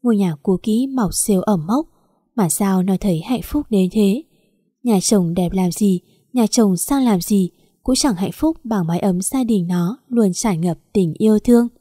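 Mellow woman narrating a story. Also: mid-range voice, a little slow, husky, no echo, studio quality.

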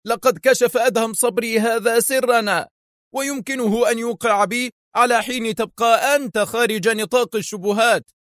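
Brief: high, bright, snarling crime boss and spy, as a male narrator puts him on, menacing and quick to shout. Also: fairly even intonation, no room sound, clean studio sound. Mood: angry. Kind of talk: audiobook character voice.

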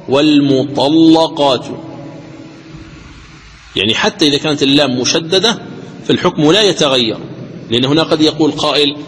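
A man at a mid pitch lectures on the rules of Quran recitation, steady and methodical. He goes over each condition twice and draws the sample words out slowly, half-chanted. His voice rings in a reverberant hall over a faint hum of background noise. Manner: deliberate, repeats each rule, slows to chant examples.

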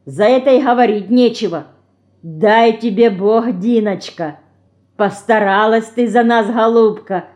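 A woman's voice: fairly high pitch, measured pace, darkish tone, highs cut off, pitched above the performer's own voice, natural voice. Wailing peasant women, raised and tearful; woman narrator voices them. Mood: pleading. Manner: tearful, pleading.

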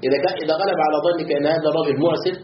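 A man's voice: on the high side, fairly even intonation, very fast, slight background noise. A man teaching a classroom lesson on Quran commentary, explaining phrase by phrase and putting questions to his students. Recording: roomy, dull lo-fi recording.

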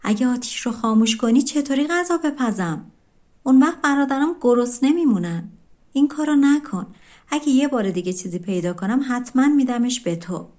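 A woman voicing a gentle, hardworking young girl in a storybook folk tale, talking earnestly. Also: high voice, animated, pitched above the performer's own voice. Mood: pleading.

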